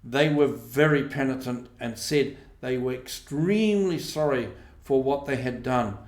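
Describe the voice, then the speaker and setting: A man's voice: medium pitch, a little mellow, echoey room, natural voice. A man voicing a modest, good-natured mole in a storybook reading, mild and matter-of-fact. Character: modest, good-natured male Mole reporting his work.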